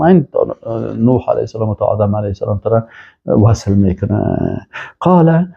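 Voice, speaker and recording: Man, religious lecture, reads Arabic then explains, husky fry in the voice, muffled lo-fi sound. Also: mid-range voice. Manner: reads Arabic phrases then explains them, with emphatic rises. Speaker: Islamic studies teacher. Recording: dull lo-fi recording.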